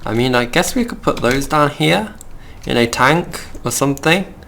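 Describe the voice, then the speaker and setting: A man's voice: mid-range voice, lively intonation, moderate pace, vocal fry, sharp tone, a little hiss or hum. A young man from the middle of England with a Midlands accent, chatting casually and rambling as he plays and hosts a game video. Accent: Midlands English. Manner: chatty, rambling, easily distracted. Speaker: gaming channel host.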